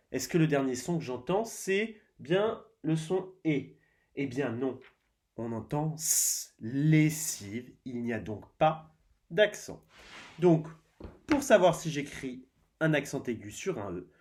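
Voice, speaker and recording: A man teaching a spelling lesson to young children, slow and deliberate, sounding out syllables and letters one by one. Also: mid-range voice, a little mellow. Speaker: primary school teacher.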